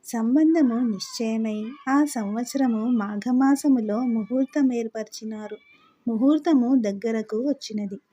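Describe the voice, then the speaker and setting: A woman reads a classic novel aloud, her voice pitched a little high yet soft and mellow in tone. She keeps a steady, formal literary delivery throughout. The recording sounds dull and lo-fi. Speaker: audiobook narrator.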